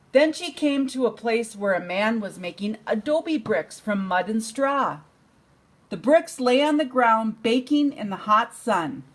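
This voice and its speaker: Her voice a little high, a grandmother slowly and expressively reads aloud from a bedtime storybook for a child.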